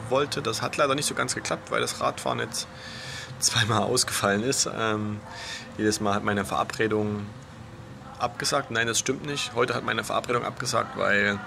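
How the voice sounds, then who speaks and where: A young man talks in a hushed, almost whispered undertone. His voice sits fairly low and has a strong creak. He chats casually into a camera held at arm's length, outdoors with clear urban noise behind him. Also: moderate pace. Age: young adult. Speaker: gaming vlogger. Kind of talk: casual vlog chat. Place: outdoors on an apartment balcony.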